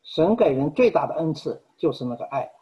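Male preacher, husky, earnest and measured sermon delivery, dull lo-fi recording. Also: a little high, expressive. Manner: earnest, measured, with frequent pauses.

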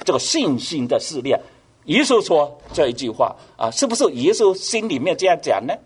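Animated husky male preacher. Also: a little high, normal speed. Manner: animated preaching, rhetorical questions, voice rising with emphasis. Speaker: pastor. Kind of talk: sermon.

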